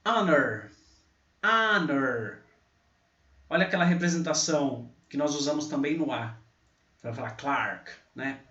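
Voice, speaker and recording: A man teaching a pronunciation lesson, slowly repeating example words out loud. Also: fairly high pitch. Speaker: English teacher. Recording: echoey, distant, dull mic.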